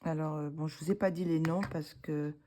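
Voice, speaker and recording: A woman's voice: deep voice, steady tone, moderate pace, mellow, a little hiss or hum. A woman with a French accent, casually narrating a craft tutorial while she works, thinking aloud with hesitations. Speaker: art tutorial host.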